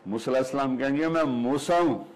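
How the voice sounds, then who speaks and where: A man preaching a sermon in a storytelling style. He acts out the dialogue with shifts of tone. He slows right down for recited verses. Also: mid-range voice, low-quality recording.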